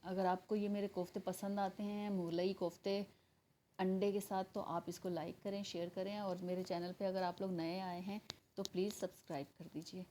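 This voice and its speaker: A woman's voice: mid-range voice, flat delivery, moderate pace, mellow, slight background noise. A woman with a Pakistani Urdu accent hosting a home cooking channel, chatting through a recipe step by step and speaking straight to her viewers. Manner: chatty, explains step by step, addresses viewers directly. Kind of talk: casual cooking tutorial voice-over.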